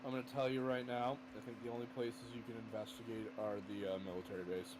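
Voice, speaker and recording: A man's voice: medium pitch, level tone, fast. A man reading game lines with friends, cracking crude jokes between them. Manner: joking, crude asides between read lines. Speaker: player reading a game character. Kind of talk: casual group game reading. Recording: noisy mic audio.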